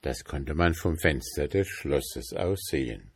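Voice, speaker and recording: A man reading a fairy tale aloud as narrator, in an unhurried storytelling manner. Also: a bass voice, animated, husky.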